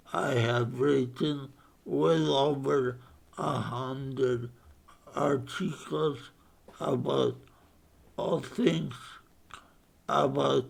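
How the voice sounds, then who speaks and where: A man in his fifties from Spain with a speech impairment, giving a halting self-introduction as a board candidate. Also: medium pitch, creaky. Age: 50s. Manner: halting, broken into short phrases.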